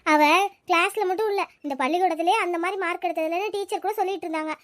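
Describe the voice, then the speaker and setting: Cartoon schoolgirl friend, very high and quick, coaxing and lecturing, voiced by a woman. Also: no echo. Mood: reassuring. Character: caring, talkative village schoolgirl friend. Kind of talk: cartoon voice acting.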